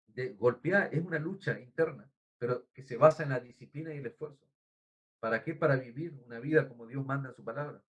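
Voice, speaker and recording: A man's voice: mid-range voice, brisk. A man with an Argentine accent preaching a sermon as pastor, earnest and teacherly, often addressing the congregation as brother. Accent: Argentine Spanish. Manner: teacherly, explains words and spells them out.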